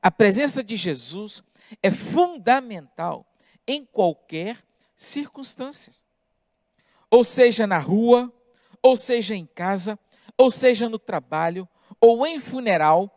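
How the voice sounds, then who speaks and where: A male pastor delivers a sermon at an unhurried, measured pace, leaning on emphatic pauses. The sound is dry and close, with little room echo. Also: high-pitched, darkish tone. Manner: deliberate preaching with emphatic pauses.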